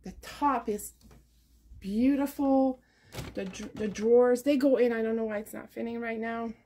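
A woman's voice: on the high side, steady tone, normal speed, mellow. A middle-aged woman chatting to the camera at home about her thrift and yard sale finds, rambling with many fillers. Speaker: vlogger showing a thrift haul. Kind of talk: casual chat to camera. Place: living room at home, indoors. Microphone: camera on a table nearby.

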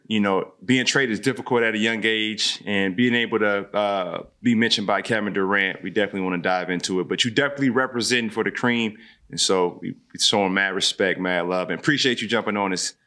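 A man's voice: fairly low pitch, sharp tone. A middle-aged man co-hosting a podcast over a video call, upbeat and full of banter. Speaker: podcast co-host. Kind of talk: casual podcast conversation. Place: home room. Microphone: earbuds, video call.

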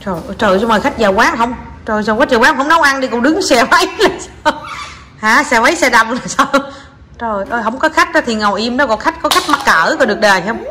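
Playful mom, noisy recording. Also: female voice, fairly high pitch, expressive, quick pace, pushed and bright. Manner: chatty and teasing, often laughing. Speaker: mother playing with her child. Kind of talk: casual home vlog, playful pretend play.

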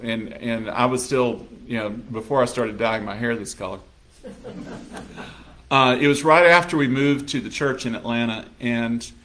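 A man's voice: medium pitch, normal speed, fairly bright tone. A man preaching a sermon as pastor in a conversational manner, now and then acting out little scenes in quoted voices. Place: church sanctuary.

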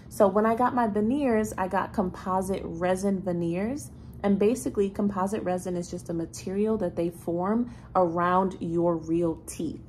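Here a twentysomething woman is telling animated stories to camera, laughing as she goes and sounding a little stuffed up. It's a casual vlog shot on a phone held low and close in a bright apartment with a ceiling fan. She has a mid-range voice, and a slight hiss or hum runs under the recording.

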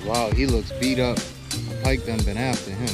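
A man's voice: medium pitch, steady tone, normal speed. A man fishing from a small boat on a lake with a buddy, giving short, laid-back replies. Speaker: fishing partner. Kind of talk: casual fishing chat on a boat. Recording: loud background music over outdoor audio. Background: loud music.

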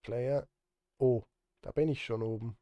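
This mid-range, dark-toned man speaks a little slowly in a steady tone. He's a Swiss live streamer and film composer in his thirties, casually chatting at his indoor desk setup while working, muttering to himself in a self-deprecating way.

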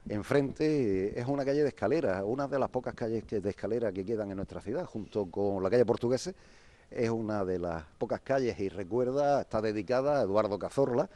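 A man's voice: fairly low pitch, brisk, mellow. A man explains the history of an old quarter as he walks its streets outdoors. His talk is unscripted, full of restarts and fillers, in the manner of a local guide. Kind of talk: walking tour explanation.

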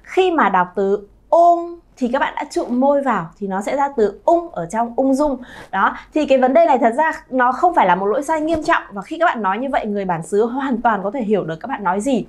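A woman in her thirties teaching pronunciation to her viewers, lively and drawing out sounds to model them. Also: on the high side, fairly quick. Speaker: Chinese teacher, channel founder. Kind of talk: pronunciation lesson to camera.

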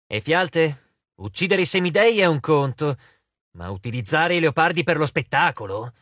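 A man's voice: fairly high pitch, expressive, normal speed, a bit bright, no room sound. A man voicing a vain, lordly male god of wine in an audiobook, drawling and dismissive. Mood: drawling, bored. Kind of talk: audiobook character voice.

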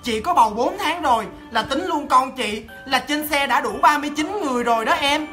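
A man voicing a pregnant woman who calls out high and urgently, over music. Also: a little fast, bright, forceful tone. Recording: music underneath.

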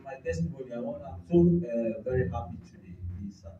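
A man with a Nigerian accent giving an animated testimony at a church service, mixing in pidgin and handheld mic. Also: medium pitch, quick pace, slight background noise. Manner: animated, mixes pidgin, shouts call-and-response. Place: large church hall. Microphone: handheld microphone. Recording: echoey hall, far mic, dull sound with music.

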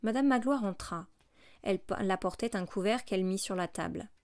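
An audiobook narrator, a woman with a mid-range voice, reads a classic novel aloud in a steady, measured manner. There is no echo on the recording.

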